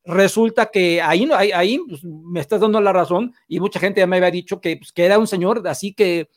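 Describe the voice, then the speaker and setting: A man's voice: sits high, fairly quick. A man hosting an interview, asking long, rambling questions. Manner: long rambling questions, frequent short backchannels. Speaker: interviewer, host. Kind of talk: casual interview.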